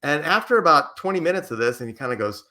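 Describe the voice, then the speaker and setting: An older American man with a bright, forceful voice recounts his career as a podcast guest. He tells anecdotes with energy, slipping into quoted dialogue. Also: a little high, fast. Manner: lively anecdotes with acted quotes. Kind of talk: storytelling interview answer.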